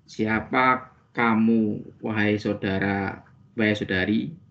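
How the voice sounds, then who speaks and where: A man's voice: fairly low pitch, steady tone, slow pace, fairly bright tone, muffled recording. A man with an Indonesian accent, a student carefully reading practice sentences aloud.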